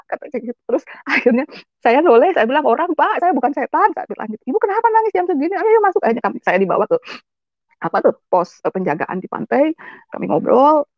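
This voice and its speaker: Woman telling her story, fast and emotional, lo-fi dull audio. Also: mid-range voice, dry recording. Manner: emotional, often addresses the audience as ladies and gentlemen. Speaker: testimony speaker. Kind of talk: personal testimony to an audience.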